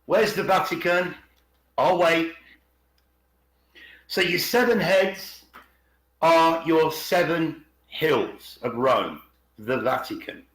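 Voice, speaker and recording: A video channel host gives an informal presentation with commentary over a video call, speaking slowly with long pauses in a slightly high, fairly bright voice. He often asks rhetorical questions and repeats phrases for emphasis. The call audio is echoey.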